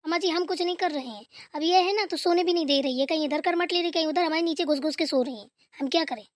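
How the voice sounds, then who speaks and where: Brief: woman doing whiny scared young bahu, high voice, dry close mic. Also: fast talker, dry recording. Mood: pleading. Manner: whiny pleading. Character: frightened young daughter-in-law, pleading.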